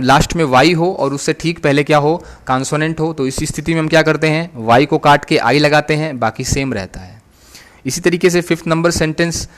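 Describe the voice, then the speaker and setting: A man giving an English grammar lecture in Hindi, repeating each point and answering his own questions. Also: on the high side. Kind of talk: recorded online lecture.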